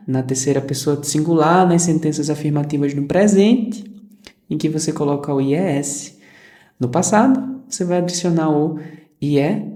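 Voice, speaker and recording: A teacher talks through a grammar lesson at an unhurried, slow pace. The voice is soft and mellow, and the teacher patiently repeats examples and checks that the listener follows. The recording sits in an echoey room. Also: medium pitch. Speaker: English teacher.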